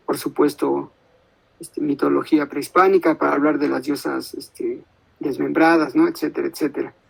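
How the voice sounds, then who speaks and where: A man lecturing over a video call. His voice sits a little high and has a gravelly, fry-laden texture. He thinks aloud in a measured way, pausing often and checking in with his listeners. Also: a little mellow, poor audio. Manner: thoughtful, many pauses and tag questions. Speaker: guest lecturer.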